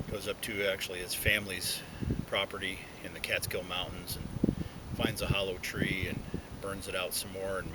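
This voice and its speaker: A man chatting casually and reflectively to viewers outdoors, in a halting way, talking around a pipe in his mouth. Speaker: pipe smoking video blogger. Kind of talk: casual solo chat to viewers. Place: outdoors, sitting inside a hollow tree. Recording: noisy outdoor recording with low rumble.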